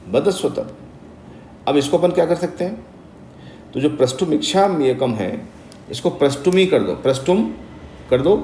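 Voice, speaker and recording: A man's voice: a little high, a little mellow. A man teaching Sanskrit recitation, chanting verses syllable by syllable and then explaining pronunciation in speech. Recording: roomy echo, faint background noise.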